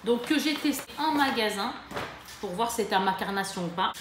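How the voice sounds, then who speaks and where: A woman chatting casually to camera in a beauty haul, lively and full of fillers and self-corrections. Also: medium pitch, a little fast. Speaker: beauty vlogger. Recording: echoey room with faint ambient noise.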